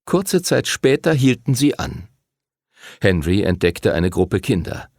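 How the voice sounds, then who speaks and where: Gravelly, expressive male audiobook narrator. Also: lowish voice, a little slow, dry recording, studio quality. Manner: expressive, storytelling.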